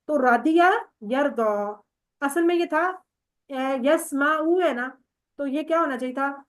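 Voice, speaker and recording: High-voiced woman teaching Arabic grammar. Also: steady tone. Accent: Pakistani Urdu. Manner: patient, drills verb forms and quizzes students by name. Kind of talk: online class teaching.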